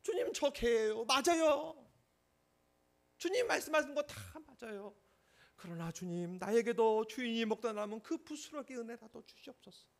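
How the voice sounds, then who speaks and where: A man's voice: extremely high pitch, animated, normal speed, gravelly, pitched above the performer's own voice, heavily acted. A man voicing a humble foreign mother who pleads earnestly for mercy, his voice rising as he pleads. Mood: fervent pleading.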